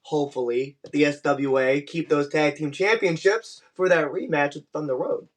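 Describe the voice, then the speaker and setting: A man speaking as an interviewed pro wrestler, giving casual, measured and diplomatic answers in a conversational way. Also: a little high.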